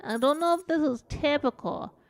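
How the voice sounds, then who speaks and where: A woman's voice: high-pitched, moderate pace, slight background noise. A woman streaming a game as a VTuber, rambling through a casual story and swearing now and then. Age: adult.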